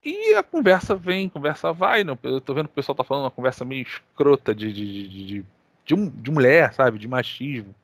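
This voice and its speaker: A man with a Brazilian accent hosting a gaming podcast, telling stories in casual, animated chat full of slang and swearing. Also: medium pitch, brisk, dry recording. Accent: Brazilian Portuguese. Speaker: podcast co-host.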